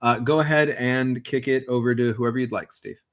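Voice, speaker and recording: A man's voice: mid-range voice, fairly even intonation, moderate pace, a bit bright. Upbeat man hosting a tabletop stream. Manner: upbeat, explanatory, talks to chat directly. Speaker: game master and stream host. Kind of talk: livestreamed tabletop game introduction.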